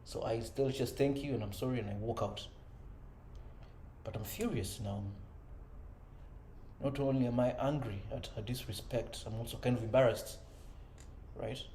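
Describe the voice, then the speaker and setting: A man's voice: mid-range voice, fairly even intonation, unhurried, long pauses, warm tone. Earnest father talking in an echoey room. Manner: earnest, conversational, frequent "you know" and "right?". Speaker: self-improvement vlogger. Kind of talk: reflective personal monologue. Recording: echoey room with faint ambient noise.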